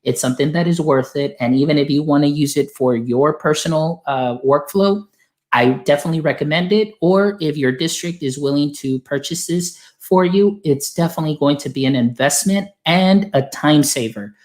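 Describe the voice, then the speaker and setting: A man from Texas, working as an instructional software specialist, walking teachers through a browser extension in a friendly, explanatory way. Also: on the high side, normal speed. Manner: friendly, explanatory, filler-heavy. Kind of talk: software tutorial demo.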